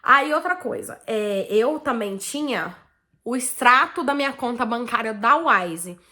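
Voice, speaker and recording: Brazilian Portuguese accent, woman vlogger, raised pitch, chatty storytelling, animated. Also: a little slow. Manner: chatty, animated, peppered with "tipo assim" and "né". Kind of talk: casual storytelling to viewers.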